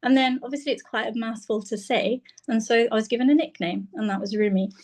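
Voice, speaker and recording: A woman's voice: on the high side, a little fast. A woman from Bangladesh, a senior lecturer, telling her life story on a video call from her phone, thoughtful and full of "um"s. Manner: warm, reflective, with many "um"s. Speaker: guest speaker, senior lecturer. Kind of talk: personal talk on a video call.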